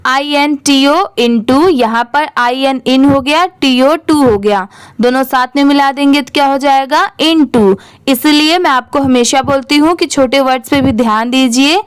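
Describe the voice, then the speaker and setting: A woman's voice: high-pitched, no echo. A woman teaching English reading, who spells each word out letter by letter and then blends it into the whole word. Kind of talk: slow spelled-out reading lesson.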